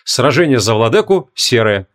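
A man's voice: medium pitch, very animated, moderate pace. A man narrating an action fantasy audiobook with dramatic, varied intonation.

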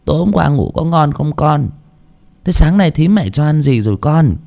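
Caring old village grandmother, fussy and a little higher, played by a man. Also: lively intonation, moderate pace, gravelly, darkish tone. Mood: fussing. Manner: fussy, motherly instructions.

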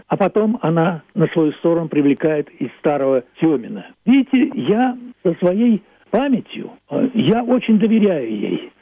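Heard over a thin, narrow-band line that sounds like a telephone, this high-voiced man in his 80s, a playwright from Leningrad, Russia, reflects in a radio monologue on his play and on history. His intonation is very lively, and he speaks in a deliberate, philosophical manner, stressing points through repetition. The sound is dry.

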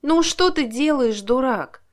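A woman's voice: high-pitched, expressive, unhurried, pitched above the performer's own voice. A woman voicing a clingy, tearful young woman who pleads in a raised voice. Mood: tearful pleading.

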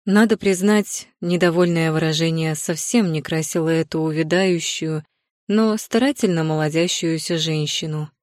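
A woman with a fairly low voice reads a first-person fantasy audiobook. Her delivery stays composed and even. The recording is dry and close, with no room sound. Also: normal speed, no echo. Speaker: audiobook narrator.

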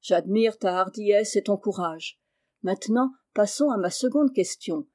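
A woman reading aloud voices an old lord, a soft-hearted father who speaks fondly. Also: mid-range voice, animated, unhurried, close to an everyday voice. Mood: fatherly.

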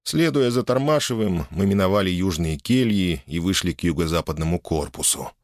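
Low-voiced man narrating an audiobook. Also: animated, normal speed, no room sound, studio quality. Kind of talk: first-person audiobook narration.

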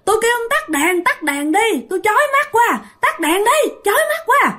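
A woman's voice: very high-pitched, big pitch swings, moderate pace, pushed and bright, voice pushed up, full character voice. A woman voicing a possessed young woman, a ghost who screeches her demands. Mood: shrieking.

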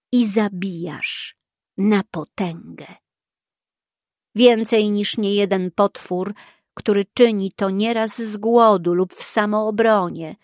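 Woman playing a composed male monster hunter, slow measured, dry sound. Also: mid-range voice, dry recording, close to an everyday voice. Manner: calm, measured. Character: calm dark-haired male witcher, steady and wry.

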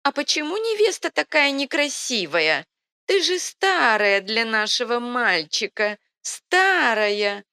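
A woman voicing a senile, ancient queen and witch with a creaky, shrill voice in an audiobook. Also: sing-song, slow, pushed and bright, full character voice. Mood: shrieking. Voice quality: creaky, shrieking. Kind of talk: audiobook reading.

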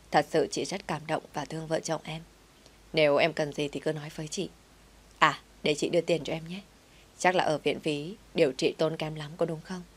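A woman voicing a kind, wealthy woman company director who speaks in a caring, warmly persuasive way. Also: sits low.

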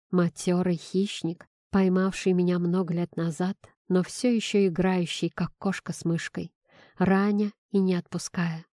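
Mellow-voiced woman narrating an audiobook. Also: fairly low pitch, no room sound, studio quality. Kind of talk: first-person audiobook narration.

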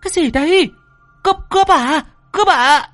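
A man voicing a foul-mouthed young street woman who screeches insults in rapid bursts. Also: very high voice, fairly bright tone, no echo, soft background music, voice pushed up. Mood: panicked. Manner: screeching, cursing rapid-fire.

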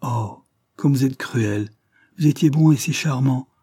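A man's voice: medium pitch, steady tone, fairly quick, warm tone, breathy edge, close to an everyday voice. A man voicing a sentimental aging spinster. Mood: wounded.

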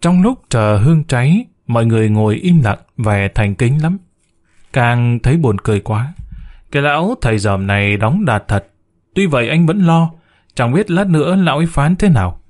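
A man's voice: medium pitch, expressive, moderate pace, darkish tone. A man narrating a story aloud with a wry, storytelling tone.

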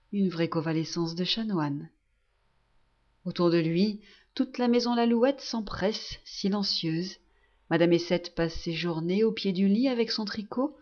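A woman narrating a classic novel as an audiobook, with a measured and expressive reading. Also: mid-range voice, dull audio. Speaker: audiobook reader. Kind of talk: literary narration.

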